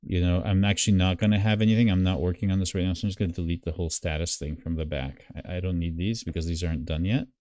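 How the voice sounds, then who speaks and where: A man's voice: sits low, steady tone, quick pace, few pauses, warm tone, dry recording. A man hosting a live stream, walking through a diagram on screen and thinking aloud, with many fillers and restarts. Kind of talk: casual screen-share walkthrough.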